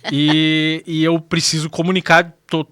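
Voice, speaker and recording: Man, forties, southern Brazilian accent, very bright tone, slightly tongue-tied diction, casual interview talk, emphatic repetition. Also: fairly high pitch, completely flat delivery, measured pace, no echo, studio quality. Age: 40s. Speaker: podcast guest, radio presenter.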